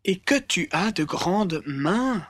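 Someone doing a curious little girl from a storybook, slow wondering questions. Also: medium pitch, expressive, fairly bright tone, soft background music. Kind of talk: storybook reading.

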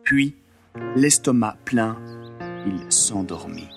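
A man narrating a storybook in an expressive, dramatic way with a slightly husky voice. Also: fairly low pitch, slow, music in the background. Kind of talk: storybook reading.

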